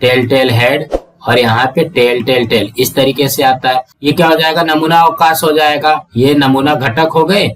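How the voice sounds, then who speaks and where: A man's voice: medium pitch, fairly even intonation, normal speed, a bit bright, recorded from a distance, slight background noise. A man with an Indian Hindi accent teaching a math lesson, asking the class rhetorical questions and counting through items one by one. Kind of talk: classroom lesson explaining worked examples.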